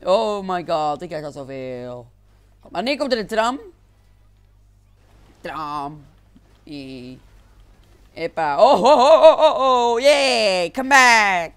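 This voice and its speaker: A man giving excitable let's-play commentary, exclaiming and laughing often. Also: high voice, slow pace, long pauses, clear, resonant tone. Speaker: gaming channel host.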